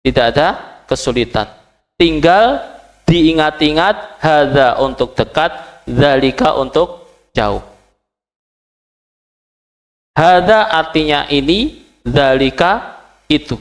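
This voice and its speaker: A man's voice: a little high, expressive, slow pace, long pauses. A man teaching an Arabic class, patiently saying each phrase and translating it, and checking often that his students follow. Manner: quizzes the class with short questions. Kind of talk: classroom language lesson.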